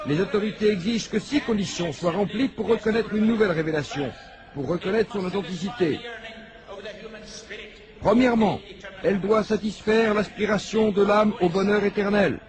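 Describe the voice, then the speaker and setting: A man narrating a scripted didactic text in a formal, declarative manner. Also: sits high.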